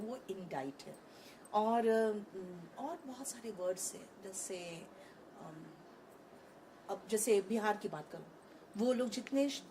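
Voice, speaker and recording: A woman's voice: medium pitch, a little mellow, slight background noise. A woman in her thirties, an online English teacher, talking frankly and animatedly in an interview on a conference stage, mixing Hindi with English.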